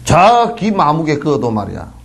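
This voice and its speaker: In a temple hall, a Buddhist monk with a Gyeongsang Korean accent delivers a homespun dharma talk packed with rhetorical questions and imitated flattery. His voice is fairly high and creaky, at a moderate pace.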